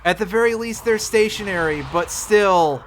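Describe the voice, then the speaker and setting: A man's voice: high voice, normal speed, slight background noise. A man giving casual live gameplay commentary as a streamer, with sardonic, sweary grumbling. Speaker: video game streamer.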